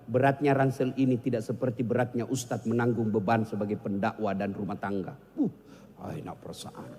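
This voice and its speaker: A man's voice: on the low side, steady tone, fairly quick, warm tone, big-room sound. A man preaching a humorous sermon, joking with the audience and singing snatches of songs. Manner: jokey, sings snatches of songs, banters with the audience. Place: large hall with an audience.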